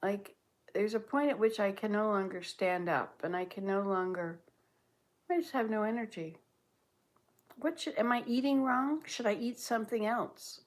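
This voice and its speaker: A woman's voice: medium pitch, normal speed. A woman in her late sixties from Canada, chatting casually on a livestream, musing aloud and answering viewer comments as she reads them. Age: 60s. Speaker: livestream host.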